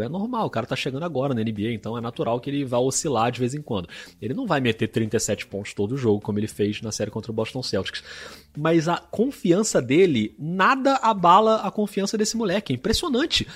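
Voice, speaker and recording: A man's voice: mid-range voice, husky. A man in his thirties hosting a casual sports chat, joking and reading out viewer comments. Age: 30s. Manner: jokey, reads viewer comments aloud. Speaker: host of a basketball live stream.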